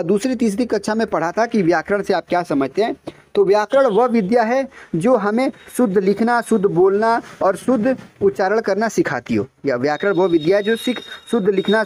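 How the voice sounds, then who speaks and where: A man's voice: high-pitched, darkish tone. A young man giving a casual exam-prep lesson, explaining step by step and correcting himself as he goes. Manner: explains step by step, often saying "ठीक है" and addressing viewers as friends; self-correcting, restarts words. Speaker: exam tutor.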